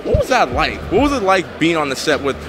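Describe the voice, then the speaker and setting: A man's voice: on the high side, sing-song, fairly quick, background noise. A young man, hosting a casual interview for a fan channel on a handheld microphone. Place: indoor convention booth.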